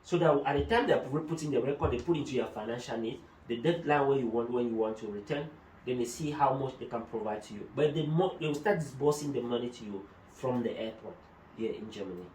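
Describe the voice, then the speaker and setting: On an explanatory talk show, a man with a medium-pitched, darkish voice talks fast as a migration adviser, going through procedures step by step with German terms. There is a little hiss or hum, and the echoey room was recorded from a distant mic.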